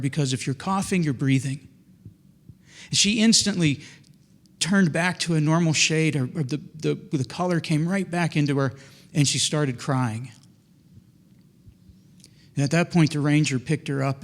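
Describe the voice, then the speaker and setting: A middle-aged man telling a personal faith story in an earnest, halting way, often restarting and repeating words. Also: fairly high pitch.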